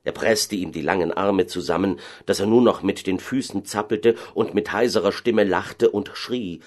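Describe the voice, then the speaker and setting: A man narrating a fairy tale in an expressive, dramatic way. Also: low voice, normal speed.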